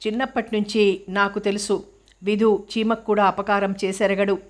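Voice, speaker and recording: A woman reading the part of a resolute older female cook who speaks in a steady, firm, solemn way. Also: mid-range voice, moderate pace, lightly acted.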